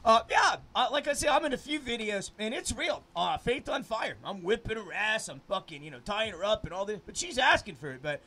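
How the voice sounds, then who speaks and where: A man's voice: high voice, lively intonation, brisk, hardly any pauses, bright, forceful tone. A man who produces adult films, chatting in an interview in a rambling, crude way and laughing often. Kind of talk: casual interview chat.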